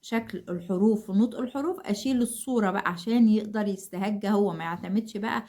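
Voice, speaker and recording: Egyptian lady tutor explaining reading tips to moms, talks fast, keeps repeating easy examples. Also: medium pitch, mellow. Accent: Egyptian Arabic. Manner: brisk, repeats simple examples, encouraging. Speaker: reading tutor advising mothers. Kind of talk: instructional talk to parents.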